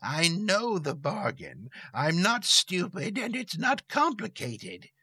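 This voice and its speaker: A man voicing a calm, stern old woman who talks in a slow, firm and deliberate way. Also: high-pitched, husky, no room sound, pitched above the performer's own voice, heavily acted. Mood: earnest.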